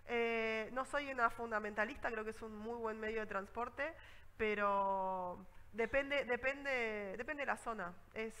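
Una mujer con acento rioplatense que da una charla de viajes y cuenta anécdotas con viveza, imitando a la gente de sus historias. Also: female voice, a little high, measured pace, long reverb tail, low-quality recording. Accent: Rioplatense Spanish. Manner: lively storytelling, acts out scenes. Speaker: travel speaker. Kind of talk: conference talk with anecdotes.

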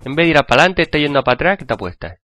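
A man with a Spain Spanish accent, hoarse from a cold, chatting and joking with viewers while playing a game. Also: fairly high pitch, very animated, rapid-fire, bright, forceful tone, dry recording. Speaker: gaming channel host. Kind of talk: gameplay commentary.

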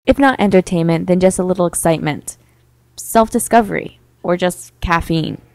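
A young woman narrating a mock-epic tale in a wry, deadpan storytelling manner. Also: fairly low pitch, normal speed, no echo, low-quality recording. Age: young adult.

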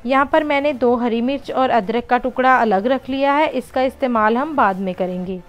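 Faint music plays behind a woman whose voice is fairly high and paced moderately. She hosts a home cooking channel, patiently describing each recipe step in voice-over and regularly calling her audience friends.

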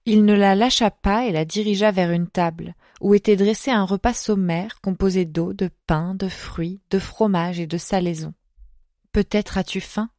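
Woman reading an audiobook, measured. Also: medium pitch, warm tone, dry recording, clean studio sound. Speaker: audiobook narrator. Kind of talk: scripted narration.

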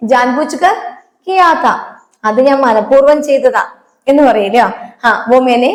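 Woman, language tutor; high voice, patient, repeats phrases slowly, echoey room. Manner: patient, repeats example sentences slowly, checks understanding. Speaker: Hindi teacher. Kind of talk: spoken language lesson.

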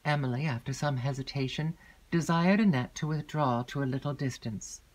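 A woman narrating a classic gothic novel as an audiobook, in a measured, even storytelling manner. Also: extremely low pitch.

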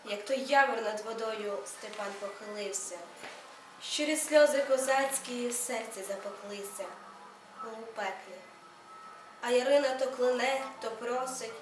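A young woman student reading a poem aloud in a soft, measured recitation at a college. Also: on the high side, slight background noise. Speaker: student reader. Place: college hall. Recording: echoey room, read from far off.

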